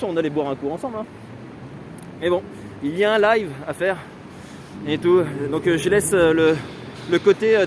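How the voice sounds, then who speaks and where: A talkative man with a southern French accent streams live as he walks through city streets, cracking jokes and laughing between remarks. His voice sits a little high for a man, with faint traffic and street noise around him. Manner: chatty, laughs often, joking asides. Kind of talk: casual walking live stream.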